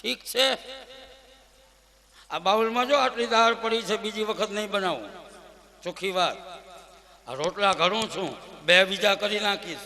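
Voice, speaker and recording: A man voicing a stern, stingy housewife who scolds and shouts warnings. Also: high voice, measured pace, long pauses, long reverb tail, pitched above the performer's own voice, exaggerated voice. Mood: scolding.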